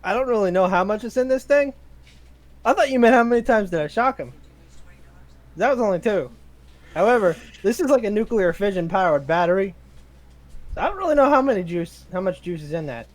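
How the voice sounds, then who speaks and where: A man's voice: high voice, expressive, fairly quick, long pauses. A man playing a tabletop game, rambling and laughing often. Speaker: player. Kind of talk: casual tabletop play.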